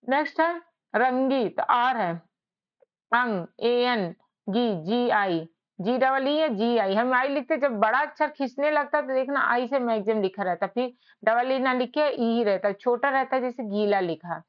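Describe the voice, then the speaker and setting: High, clear-voiced woman teaching. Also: normal speed, lo-fi sound. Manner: patient, repeats each point with rhetorical questions. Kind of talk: whiteboard lesson.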